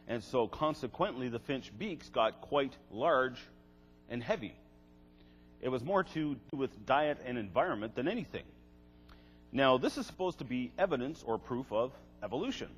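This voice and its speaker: A man's voice: mid-range voice, expressive, normal speed, fairly bright tone. Wry older man lecturing in an echoey hall. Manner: wry, sarcastic asides. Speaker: creationist seminar speaker. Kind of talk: lecture to a live audience. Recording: echoey hall, faint music.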